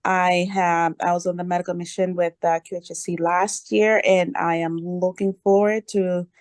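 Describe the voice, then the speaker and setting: A woman who is an internal medicine doctor and pediatrician, introducing herself on a video call in a measured, lightly amused way. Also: on the low side, flat delivery, no room sound.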